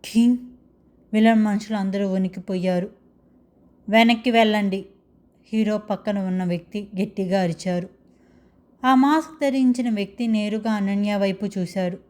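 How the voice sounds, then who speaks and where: A woman's voice: mid-range voice, moderate pace, a little mellow. A woman narrating a dramatic love story in a scripted storytelling style.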